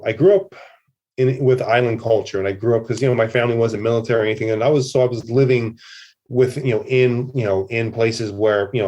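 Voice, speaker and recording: Middle-aged guy from hawaii, lowish voice, rambles with tons of "you know" and restarts. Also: a little mellow, lo-fi sound. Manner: rambling, many fillers and restarts. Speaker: festival producer, podcast guest. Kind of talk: casual conversational interview.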